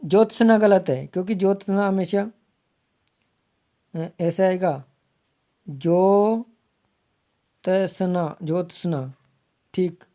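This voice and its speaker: A man teaching Hindi grammar for exams, repeating each word slowly to spell it out and calling viewers his friends. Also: high voice, mellow. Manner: slow, repeats words to spell them out. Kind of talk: exam-prep lesson.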